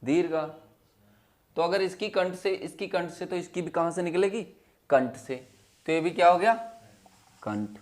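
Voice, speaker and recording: A male teacher with a fairly high voice leads a lesson, asking questions over and over and repeating each answer. His voice sinks low and quiet whenever he gives the answer. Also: normal speed. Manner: drops to a low, quiet voice when giving the answers. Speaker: Hindi teacher. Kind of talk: classroom lesson.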